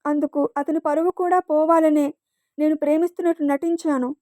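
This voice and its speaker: A woman's voice: sits high, fairly quick, dry recording, studio quality, natural voice. A woman voicing a curt, withdrawn young woman. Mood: cold. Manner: curt, flat, sullen.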